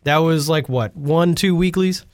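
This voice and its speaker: A calm man co-hosts a gaming podcast in a fairly high voice. He asks steady questions and keeps the talk on track, sounding amused rather than riled. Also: a little slow. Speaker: podcast co-host. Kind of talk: casual gaming podcast chat.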